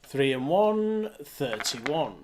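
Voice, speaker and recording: Slow, singsong bingo caller. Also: medium pitch, very animated, darkish tone, slight background noise. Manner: calls each number digit by digit, rising then falling, then repeats it whole. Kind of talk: live bingo calling in traditional singsong rhyming-call pattern.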